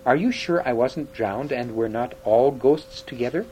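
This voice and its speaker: A man reading aloud and voicing a cheerful, capable, stocky male dwarf in a brisk, chatty, slightly raised voice. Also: medium pitch, darkish tone, a little hiss or hum, natural voice, rough recording. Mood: eager.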